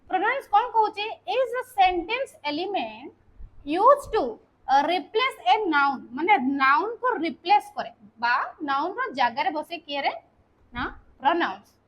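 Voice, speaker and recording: A woman with a very high-pitched, slightly bright voice teaches a grammar lesson in a classroom, captured on poor audio. She explains patiently one step at a time, repeats key terms, and often closes a point with a checking tag.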